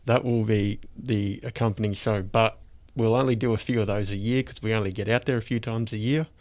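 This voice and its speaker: A man's voice: on the low side, steady tone, brisk. Toothless Australian man, dull lo-fi recording. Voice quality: toothless, soft-edged speech. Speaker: podcast host. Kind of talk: casual podcast chat. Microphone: speaking through a face mask. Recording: dull lo-fi sound.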